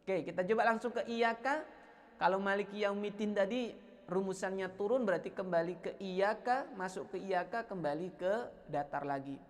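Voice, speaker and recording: A woman teaching Quran recitation melody, giving patient explanations between slow, drawn-out chanted demonstrations and encouraging her listeners. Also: medium pitch, in a large hall. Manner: encouraging, addresses listeners as friends. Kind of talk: teaching tartil recitation melody, call and response.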